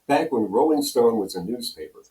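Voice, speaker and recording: Reminiscing casually as an interview guest, a Pennsylvanian in his seventies who works as a radio program director and on-air personality wanders through stories and repeats his phrases. His medium-pitched voice is warm and brisk with lively intonation, set in a roomy, echoing acoustic.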